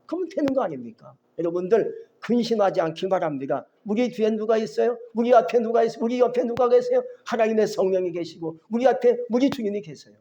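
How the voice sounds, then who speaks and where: High-voiced Korean pastor preaching. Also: male voice, fast, few pauses, highs cut off. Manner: animated preaching, voices biblical figures, asks the congregation questions. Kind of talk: sermon.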